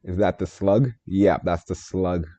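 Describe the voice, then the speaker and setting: A man's voice: deep voice, steady tone, unhurried, dark tone. A man streaming a game live, thinking aloud, answering chat and joking about himself in a casual way. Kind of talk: live gameplay stream commentary.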